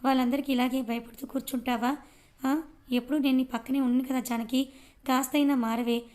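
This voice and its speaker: A woman's voice: high voice, flat delivery, fairly quick, a little mellow, close to an everyday voice. A woman voicing an angry, domineering young husband and boss who scolds harshly, in a storybook reading. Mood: scolding.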